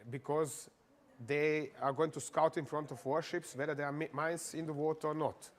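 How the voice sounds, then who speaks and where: Methodical male analyst, slightly high voice. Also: level tone. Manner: methodical, deliberate, pointing things out step by step. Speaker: military analyst guest. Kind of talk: expert briefing on a news show.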